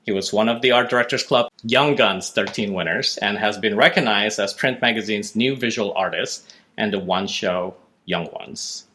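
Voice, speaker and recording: A man's voice: lowish voice, bright, forceful tone. A man hosting a design podcast, friendly and easygoing, often laughing with his guest. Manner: friendly, laughs easily, slightly halting with fillers. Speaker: podcast host. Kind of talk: podcast interview.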